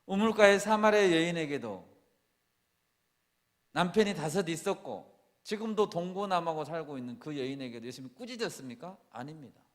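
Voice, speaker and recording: A man's voice: fairly high pitch, expressive, fairly quick. A man preaching a sermon as a pastor, often asking his congregation questions and acting out quoted lines with rising intensity. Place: church sanctuary. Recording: long reverb of a church hall.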